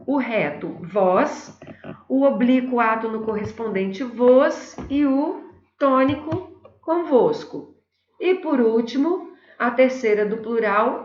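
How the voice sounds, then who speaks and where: A middle-aged Brazilian woman teaching a grammar lesson, explaining step by step and speaking straight to her students. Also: on the high side. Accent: Brazilian Portuguese. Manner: explanatory, addresses students directly. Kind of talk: recorded classroom lesson. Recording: echoey, dull lo-fi room recording.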